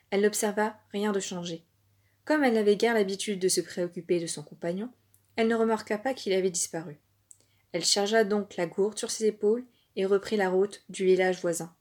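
A woman narrating an African folk tale for children in a calm, expressive storytelling voice. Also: medium pitch.

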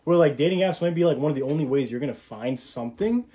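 A man's voice: fairly high pitch, animated, fast talker, mellow. A young man co-hosting a casual podcast chat, talking emphatically with frequent swearing. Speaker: podcast co-host.

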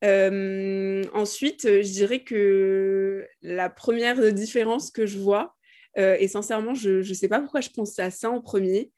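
A woman's voice: mid-range voice, fairly even intonation, measured pace, dark tone. A woman in her twenties from Morocco, a guest in a casual podcast discussion, speaking thoughtfully with many hesitations. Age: 20s.

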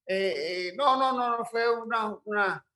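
As an interview guest telling stories casually, a middle-aged man with a Mexican accent speaks in a high, bright and sharp voice. He is unhurried, uses coarse slang, and stumbles through repeated restarts.

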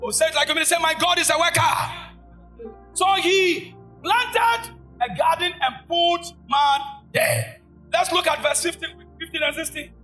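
A man preaching a sermon in church, shouting and calling out to his congregation. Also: very high-pitched, measured pace, soft background music. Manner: shouting, call-and-response preaching. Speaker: pastor. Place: church service.

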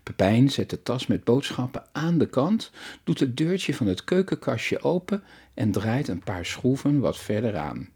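A man narrating a children's story aloud in a calm, even way. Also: medium pitch, a little slow, husky.

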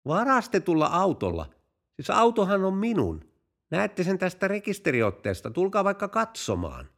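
A man's voice: medium pitch, sing-song. A man voicing a brazen male car driver in a told joke, curt and then innocently denying everything.

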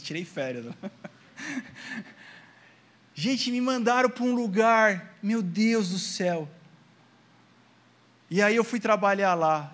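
A man's voice: high-pitched, a bit bright. A Brazilian man preaching a sermon, telling a personal testimony in a storytelling way and speaking straight to the congregation. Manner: storytelling, acting out his own past prayers and quotes; addresses the congregation directly, asking amen. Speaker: pastor.

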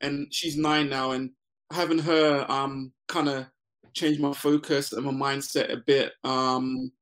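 Speaking slowly in a mid-range voice, a Ghanaian business founder in his forties relaxes into a casual interview as a guest, laughing often and using lots of fillers.

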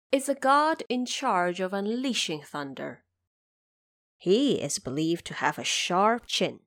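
In a slow, measured delivery, a woman narrates a fantasy story for an audio drama series, her pitch moving expressively through each phrase. It's scripted storytelling with explanatory asides, recorded close and dry.

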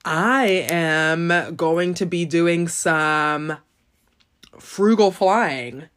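A woman's voice: on the low side, drawn-out words. Giggly rambling woman podcast host. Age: 30s. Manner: giggly, rambling, animated storytelling. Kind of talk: casual chat.

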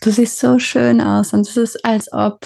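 A woman's voice: a little high, flat delivery, measured pace, vocal fry, mellow, no echo. A podcast host who talks effusively and encouragingly to her guest. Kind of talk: casual podcast conversation.

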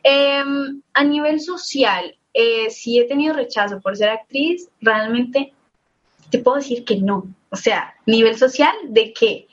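A woman's voice: fairly high pitch, takes it slowly, highs cut off. A young Colombian woman, an interview guest, talking frankly and casually, laughing often and filling her speech with fillers. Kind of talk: candid casual storytelling.

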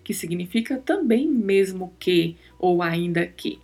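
A woman's voice: fairly low pitch, lively intonation, slow, mellow, slightly rough, faint music behind. A woman hosting a podcast, teaching Spanish in a careful, scripted lesson and spelling out words and sounds. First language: Portuguese.

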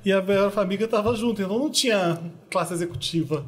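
A Brazilian man with a fairly high voice, telling an anecdote in loose chat. He wanders, restarts and lets sentences trail off. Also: quick pace. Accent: Brazilian Portuguese. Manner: rambling, hesitant, trailing off mid-sentence. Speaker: podcast co-host. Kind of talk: casual storytelling chat.

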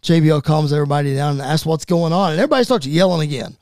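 A man calling a fantasy wrestling show as play-by-play commentator, rapid-fire and rising to excited shouts at the big moments. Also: on the high side, dry recording.

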